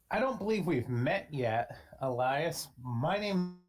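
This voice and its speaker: A man's voice: on the high side, animated, slow. Man breaking up over a bad call. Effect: voice cutting out over a bad online call connection. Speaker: player in a tabletop game. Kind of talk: speaking in character at an online game table. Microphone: online voice call.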